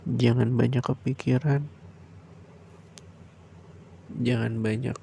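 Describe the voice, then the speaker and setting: A man's low, gravelly murmur, warm and mellow, drifting along at an unhurried pace in a soft, breathy bedtime roleplay. His delivery stays flat and soothing, recorded close in a quiet room with a faint hiss of noise behind it. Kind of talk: boyfriend roleplay ASMR.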